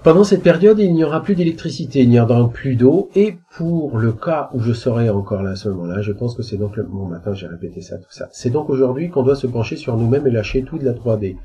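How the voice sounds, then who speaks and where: A man's voice: mid-range voice, animated, fast talker, hardly any pauses, warm tone, muffled recording. A man giving a casual spiritual teaching talk, hesitant and colloquial, with frequent filler sounds. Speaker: spiritual speaker answering questions.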